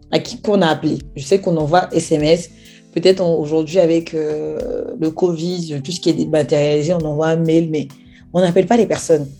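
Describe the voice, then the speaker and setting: A young woman telling a personal testimony as a story, acting out the quoted dialogue as she goes. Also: on the low side. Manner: animated retelling with acted-out quoted dialogue. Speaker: speaker sharing a personal testimony.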